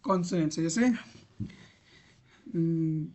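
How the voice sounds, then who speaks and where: Slow, patient male grammar teacher. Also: fairly high pitch, steady tone, darkish tone. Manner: patient, repeats examples aloud; talks while typing on screen. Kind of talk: online grammar lesson.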